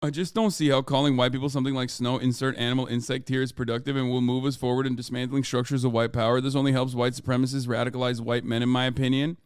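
A man's voice: medium pitch, level tone, fast talker, hardly any pauses, clean tone, dry recording, studio quality. Profane, blunt male streamer. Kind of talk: casual reaction commentary.

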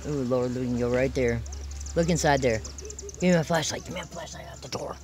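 A woman, chatting excitedly and swearing while filming an abandoned site on her phone. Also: a bass voice, a little fast. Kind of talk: casual chat while exploring. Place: outdoors by abandoned buildings and in a car. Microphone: handheld phone. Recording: noisy outdoor phone recording.

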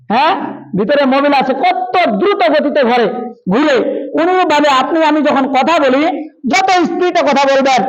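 A man from Bangladesh preaching a sermon, who keeps asking the congregation questions and repeats key phrases. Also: extremely high pitch. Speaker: mosque preacher. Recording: dull lo-fi audio.

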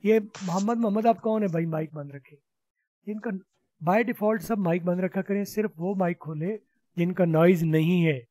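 High-voiced man teaching an online class. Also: dark tone, dry recording. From Pakistan. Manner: explains patiently, repeats sounds for students to copy. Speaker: spoken English teacher. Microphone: video call.

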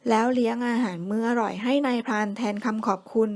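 A woman narrating a children's bedtime story in a clear, expressive reading voice. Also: a little high, fast, dry recording. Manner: clear, expressive read-aloud.

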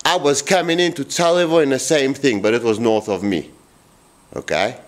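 A forties-aged boatbuilder vlogger walks through his wooden boat shed with a handheld camera at arm's length, talking in a mid-range voice at a moderate pace. His commentary is blunt, animated, and meandering, full of false starts.

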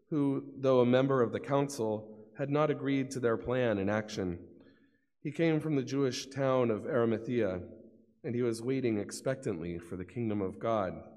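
Speaking into a gooseneck lectern mic, a middle-aged man gives a solemn, formal reading of scripture from a church lectern. His pitch is medium and a little mellow, and his phrasing is deliberate. Long reverb from the church hangs on every line.

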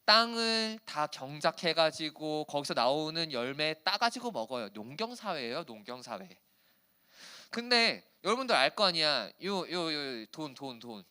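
A man in his thirties preaching a youth sermon in a church, animated and teasing his teenage listeners in casual speech. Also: fairly high pitch, measured pace, smooth. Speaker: youth pastor. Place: church hall.

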